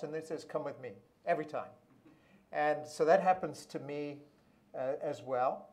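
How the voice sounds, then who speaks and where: A man born in Malaysia and serving as a pastor, speaking at a panel in a reflective, measured way with frequent restarts. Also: a little high, a little mellow. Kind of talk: panel discussion remarks.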